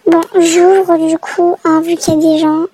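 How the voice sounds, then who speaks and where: A woman talks through her gameplay in a chatty, exasperated running commentary. Her voice is very high yet mellow in tone. It has a gravelly vocal fry all through. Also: little pitch movement, unhurried, a little hiss or hum, low-quality recording. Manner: chatty, reacting aloud, exasperated. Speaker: gamer narrating her play. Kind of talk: casual game commentary.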